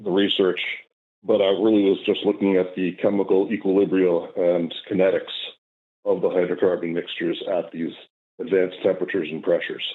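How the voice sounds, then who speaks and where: Older guy calling in on a tinny phone line, low husky voice, lots of uhs and ums. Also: flat delivery, normal speed. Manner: hesitant, many fillers and restarts. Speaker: caller. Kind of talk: call-in debate. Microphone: phone call.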